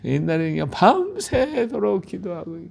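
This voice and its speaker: A man's voice: sits high, very animated, normal speed, gravelly, darkish tone. A middle-aged male pastor giving a Bible-reading sermon, emphatic and repetitive, often asking his listeners for agreement.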